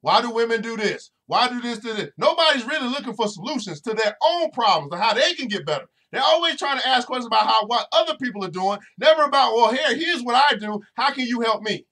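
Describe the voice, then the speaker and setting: The host, a financial educator, has a very high-pitched male voice that sounds pushed and bright. He preaches to listeners directly on his motivational podcast, repeating phrases over and over to stress them.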